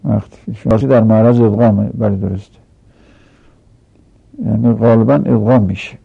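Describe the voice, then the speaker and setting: Man, gravelly husky voice, methodical grammar lesson, dull lo-fi recording. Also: fairly low pitch, steady tone. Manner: explains step by step with repeated examples. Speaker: teacher. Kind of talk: textbook commentary lesson.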